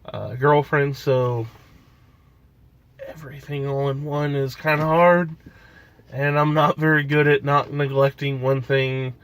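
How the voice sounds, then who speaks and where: A man's voice: mid-range voice, gravelly, a bit bright, smooth. A young man with a stuffy nose, talking casually in a vlog and rambling with fillers and restarts. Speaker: vlogger.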